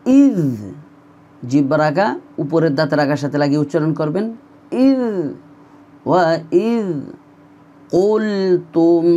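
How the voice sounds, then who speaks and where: A man with a Bangladeshi Bengali accent teaching a word-by-word Quran recitation lesson. He explains pronunciation points, then recites the Arabic words slowly and drawn out. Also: on the high side, mellow.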